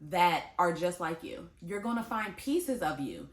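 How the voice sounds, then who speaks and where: This vlogger is a woman in her late twenties whose fairly low, expressive voice moves a little slowly. She talks to camera in a relaxed, chatty way, addressing her viewers directly and laughing readily, and the room echoes around her.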